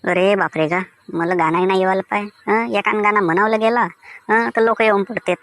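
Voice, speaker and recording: A man's voice: sits high, steady tone, a little fast, a bit bright, no room sound, clean studio sound. A man voicing a defensive, grumbling village mango seller with a Vidarbha Marathi accent. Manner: sing-song, defensive, grumbling. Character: cheerful singing village mango seller Diwakar.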